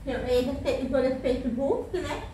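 A woman's voice: sits high, moderate pace, mellow, slight background noise. A woman in her thirties with a Brazilian accent, chatting to viewers while she cleans her kitchen. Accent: Brazilian Portuguese. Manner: chatty, addresses viewers often, tired. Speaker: home cleaning vlogger. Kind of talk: casual chat while cleaning. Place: home kitchen, indoors. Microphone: camera across the room. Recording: echoey kitchen, camera far off.

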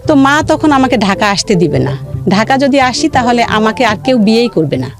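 Her voice is a little high, swings widely in pitch and moves at a normal speed as she tells her life story on the radio. She has a Bangladeshi accent, comes from rural Bangladesh, and stresses points by repeating phrases, while music plays under her.

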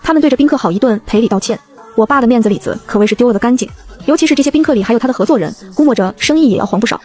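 A woman narrating a first-person novel as an audiobook reader, in a brisk storytelling manner. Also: a little high, animated, darkish tone.

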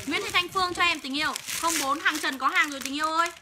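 A woman's voice: sits high, noisy background. A young woman, selling clothes on a livestream, rattling off buyers' names between profane, angry rants. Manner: rapid sales patter calling out buyers' names. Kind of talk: livestream selling, ranting at viewers.

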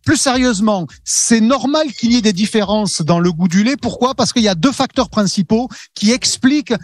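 Man, consumer expert, high voice, explanatory, lightly humorous, on remote link. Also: animated, normal speed, no echo. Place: outdoor agricultural fair.

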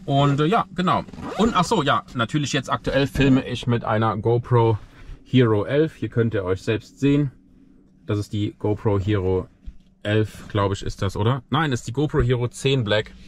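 A man in his thirties talking casually to the camera from the driver's seat of his car, relaxed and full of fillers. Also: mid-range voice, normal speed, a little hiss or hum. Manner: chatty, relaxed, many fillers. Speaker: vlogger. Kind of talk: casual vlog talk to camera. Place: inside a car, driving then parked. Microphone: camera mounted on the dashboard.

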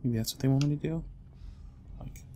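A young adult man commentating a horror game, dropping to whispers and breaking into loud panicked yelps. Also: mid-range voice, a little fast, slight background noise. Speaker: gamer. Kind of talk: let's play commentary.

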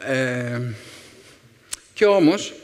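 A man in his fifties, a secondary school teacher, gives a storytelling talk to young listeners in a reverberant hall. His voice sits at an ordinary middle pitch, and he spins his memories wryly, pausing to think between phrases. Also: animated, slight background noise. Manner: anecdotal, wry, with thoughtful pauses.

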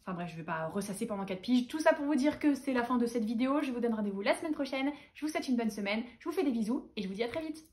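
A woman's voice: a little high, animated, racing, few pauses, a little mellow. A young woman from France hosting a casual book haul chat, gushing with fan enthusiasm. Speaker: booktuber host.

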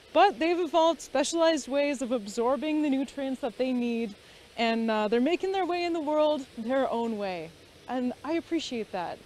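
A woman's voice: sits high, darkish tone. A woman in her thirties speaking to camera outdoors. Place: outdoors in winter woodland. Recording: faint outdoor background noise.

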